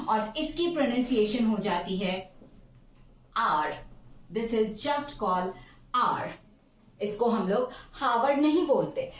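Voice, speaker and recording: A woman teaching English pronunciation in Hindi and English, calling her viewers friends and repeating words slowly. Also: high voice, roomy sound, distant mic, low-quality recording.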